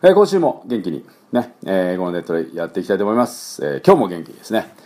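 A man teaching English pronunciation in a relaxed, chatty way with many fillers, coaching learners to repeat after him. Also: deep voice. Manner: coaching learners to repeat, demonstrating sounds slowly. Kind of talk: pronunciation lesson.

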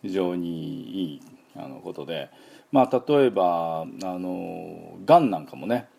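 A deep, gravelly man in middle age talks through a relaxed pronunciation lesson. His voice is dark and a little husky, and it rises and falls freely as he rambles with fillers and models each sound over and over. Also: a little slow. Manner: chatty, many fillers, demonstrates sounds repeatedly. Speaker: English pronunciation teacher. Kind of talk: casual spoken lesson.

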